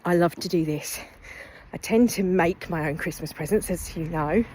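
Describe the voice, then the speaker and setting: A woman's voice: on the low side, normal speed, darkish tone, slight background noise. A middle-aged woman from the UK chatting as she walks uphill outdoors, slightly out of breath, thinking aloud and sometimes dropping to a half-whisper. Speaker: vlogger. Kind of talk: walking vlog chat. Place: outdoors, walking through town.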